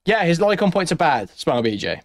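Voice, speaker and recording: A man's voice: fairly high pitch, sing-song, fast, dry recording. Male streamer type, lightish voice, blunt and mocking, casual group commentary, very dry close sound.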